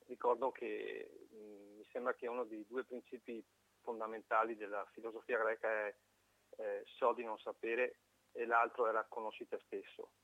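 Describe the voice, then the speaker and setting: A man calling in to a live radio show over the phone, giving a halting, reflective opinion with frequent restarts. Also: lowish voice, little pitch movement, gravelly, dry recording. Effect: heard over a phone line. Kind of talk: call-in opinion on a live broadcast. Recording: tinny dry phone line.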